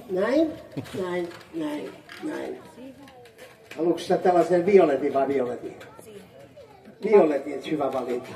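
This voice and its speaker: A woman with a creaky voice hosts a playful children's magic show at an amusement park. Teasing and animated, she ribs her kid helpers and lets out high calls on the magic words, while the recording sounds distant and roomy with faint surrounding noise.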